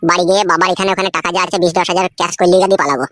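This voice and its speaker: A man voicing a scheming, boastful young village man in a cartoon, talking low and crudely. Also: steady tone, very fast, a bit bright, dry recording. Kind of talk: cartoon voice acting.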